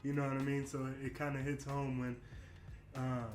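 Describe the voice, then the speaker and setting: A basketball player in his late twenties, his medium-pitched voice darkish and delivered completely flat at normal speed, speaks candidly and reflectively in a casual interview. He leans on "you know what I mean" repeatedly, with faint music in an echoey room.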